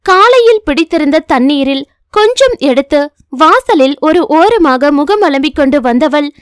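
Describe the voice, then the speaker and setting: A woman narrating a novel in an expressive storytelling manner. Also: sits high, measured pace, no echo, clean studio sound. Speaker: audiobook narrator.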